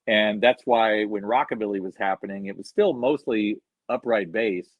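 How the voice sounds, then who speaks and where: The guest, a musician on a video call, drifts through casual anecdotes full of "you know" during a relaxed interview. He talks at a normal speed in a fairly low-pitched voice. No room sound comes through in the slightly dull, dry lo-fi recording.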